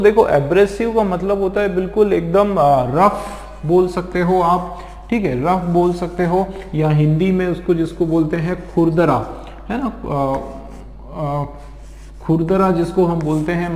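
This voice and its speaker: The lecture is exam prep, led by a male vocabulary teacher from India whose voice is somewhat high yet darkish. He goes slowly, repeating explanations and checking on his students many times, while a roomy echo trails off in a long reverb.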